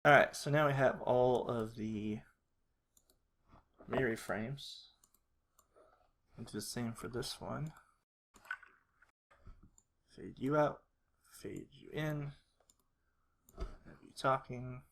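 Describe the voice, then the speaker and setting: Muttering half to themselves, a tutorial maker demonstrates on-screen video editing from an indoor computer setup. Their medium-pitched, slightly bright voice moves slowly, with long pauses. Clicking keys and mouse leave plenty of noise in the audio.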